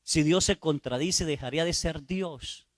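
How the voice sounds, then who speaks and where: Priest preaching, tells little stories and acts out voices, kinda high voice, dry sound no room. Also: male voice, measured pace, dry recording. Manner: storytelling preacher who acts out voices and asks "¿sí?". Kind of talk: sermon.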